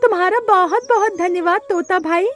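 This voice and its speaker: A woman voicing a kind, gentle young female sparrow in a cartoon, with a high, pleading manner. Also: moderate pace. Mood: grateful.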